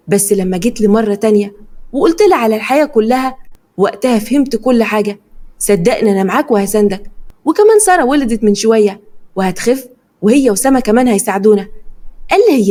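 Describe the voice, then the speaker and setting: A young woman with an Egyptian accent narrating a first-person story, voicing every character's dialogue herself. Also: fairly high pitch. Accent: Egyptian Arabic. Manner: quick, lively dialogue voicing.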